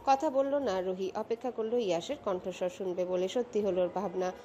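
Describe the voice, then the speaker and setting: Woman narrating a romantic story, mellow tone. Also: mid-range voice, fairly quick, slight background noise.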